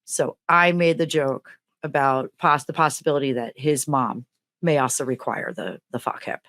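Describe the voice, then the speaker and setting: A woman's voice: moderate pace, no echo. A middle-aged woman co-hosting a podcast, telling a comic story in casual chat and acting out the quotes with big jumps in her voice. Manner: animated, acts out quotes with big pitch jumps. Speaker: podcast co-host and teacher.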